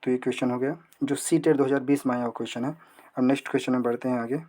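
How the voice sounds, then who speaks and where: A young man leads an exam prep lesson. He poses questions and answers them himself. He slows right down when reading English passages aloud. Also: medium pitch, fairly even intonation, dark tone. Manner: asks and answers own questions, reads English slowly. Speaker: teacher.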